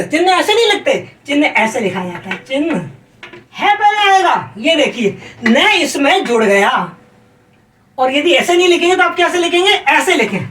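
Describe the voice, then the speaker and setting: A woman teaching Hindi grammar for an exam, stressing the rules, repeating them and asking the class if it is clear. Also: sits high, a bit bright. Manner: calls students "beta". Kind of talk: exam-prep lesson. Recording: roomy sound from a distance.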